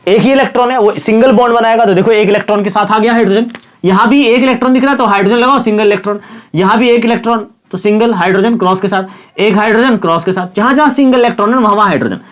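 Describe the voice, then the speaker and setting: Racing along in a high voice that is hoarse from a sore throat, a male science teacher runs a classroom-style chemistry lesson. He keeps repeating key words, asks questions only to answer them himself, and addresses his students as "kids" and "brother".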